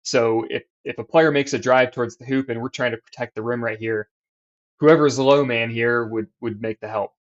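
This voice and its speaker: Over game footage and diagrams, a male basketball coach explains defense at a normal speed, his mid-range voice fairly even in intonation. Restarts and fillers crop up while he draws on the screen. The recording has a slightly dull, lo-fi quality.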